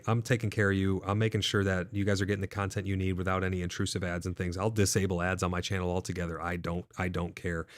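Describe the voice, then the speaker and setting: Hosting a live gaming stream, this man speaks in a low-pitched, slightly nasal and congested voice. He reads viewers' chat out loud and replies in a relaxed way. The audio is dry and studio quality.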